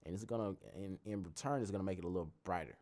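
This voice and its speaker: A young man with a very low, bassy voice hosts a casual screen-recorded tutorial, racing through it. He rambles loosely, circling back and restarting phrases as he thinks aloud, sounding conversational rather than scripted.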